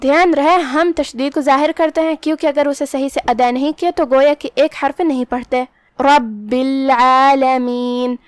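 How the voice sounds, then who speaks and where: High-voiced woman teaching recitation. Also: steady tone, dry recording. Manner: careful, measured explanation of pronunciation rules. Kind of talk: recitation lesson.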